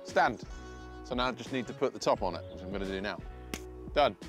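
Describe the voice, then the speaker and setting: Over loud music, a fairly low-pitched male voice with lively intonation moves at a fairly quick pace. It belongs to a British man in his thirties casually narrating his DIY woodworking video outdoors on a paved garden patio by a field, joking at his own expense.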